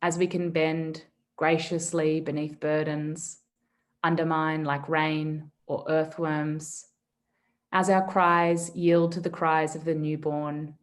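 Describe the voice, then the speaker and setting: A woman with a low voice recites poetry. Her delivery is solemn and measured, staying on a level tone from phrase to phrase. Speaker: poetry reader. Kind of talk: poetry reading.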